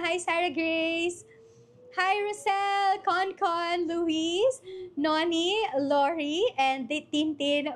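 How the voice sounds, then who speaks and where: Filipino lady hosting a live stream, kinda high voice, a bit worn from being sick, chatty, says hi to everyone by name. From Philippines. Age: adult mother. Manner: chatty, greets viewers one by one by name. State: voice worn from recent cough and flu. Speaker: host of a live online workshop. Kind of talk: casual live-stream chat.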